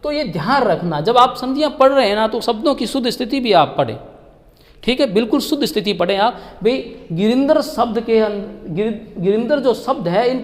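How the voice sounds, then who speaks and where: A man's voice: extremely high pitch, animated, a little fast, long reverb tail. A man teaching Hindi grammar in an online exam-prep class, asking questions and answering them himself, with "ठीक है" after almost every point.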